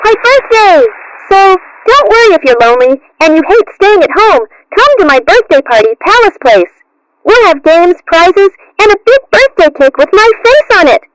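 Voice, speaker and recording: A childish cartoon clown kitten with an extremely high, swooping voice. She is cheerful and bubbly, like a children's party entertainer. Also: very animated, moderate pace, no room sound, poor audio. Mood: peppy pitching. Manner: bubbly children's-show presenter patter. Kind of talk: cartoon character acting.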